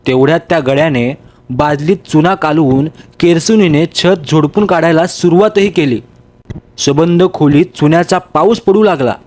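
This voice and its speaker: High-voiced man reading a story. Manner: steady, measured storytelling. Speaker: story reader. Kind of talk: storybook narration.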